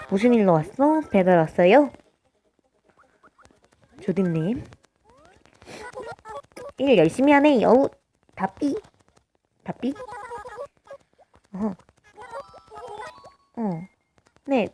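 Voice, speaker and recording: A woman streamer talks her way through a cozy game at an unhurried pace, her naturally high voice full of little "uh"s and questions to herself. A faint hiss of noise sits under the recording. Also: dark tone. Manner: chatty, hesitant, lots of filler sounds and self-questions. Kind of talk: casual gameplay commentary.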